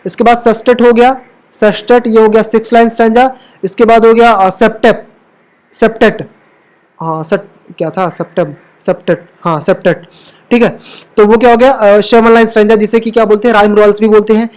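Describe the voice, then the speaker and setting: A woman's voice: fairly high pitch, steady tone, a little fast, a little mellow. Female lit tutor, exam-prep lecture style, rhetorical questions, frequent self-corrections. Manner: keeps asking rhetorical questions and checking in with "theek hai"; corrects own slips mid-sentence. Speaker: English literature teacher. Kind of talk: exam-prep lecture mixing Hindi and English terms.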